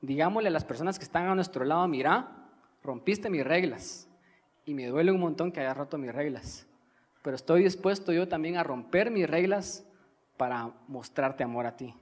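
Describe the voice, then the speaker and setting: A young man from Guatemala, preaching a sermon in an earnest teaching manner, pausing to stress key words. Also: on the high side, lively intonation. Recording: reverberant church hall.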